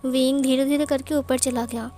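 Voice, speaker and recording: A woman's voice: high voice, fairly even intonation, moderate pace, dark tone. A woman casually narrating a fan fiction story, correcting herself as she goes.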